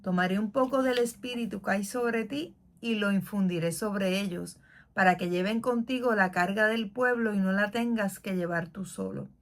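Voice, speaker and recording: The Lord speaks with stern, declaring authority, as a woman reads his lines. Her voice stays at a middle pitch and sounds close to her own. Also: normal speed, close to an everyday voice. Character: the Lord, stern divine male voice.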